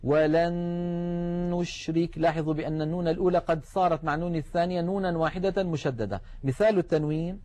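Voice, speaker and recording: Calm man teaching Quran recitation, slightly high. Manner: explains calmly, then chants examples slowly with drawn-out nasal sounds. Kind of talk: recorded tajweed lesson.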